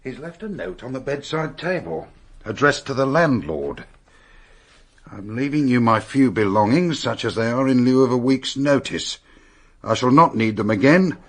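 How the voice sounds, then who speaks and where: A man acts a formal English detective inspector in a radio play. His voice is husky and moves animatedly as he speaks. He sounds businesslike and sceptical throughout. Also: medium pitch, lively intonation, normal speed, close to an everyday voice. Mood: reading aloud. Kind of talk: radio drama acting.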